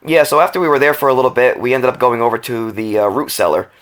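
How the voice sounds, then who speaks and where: A man's voice: medium pitch, fast talker. Man co-hosting a casual podcast. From New England. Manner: storytelling, animated about spooky finds. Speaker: podcast co-host. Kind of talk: casual chat.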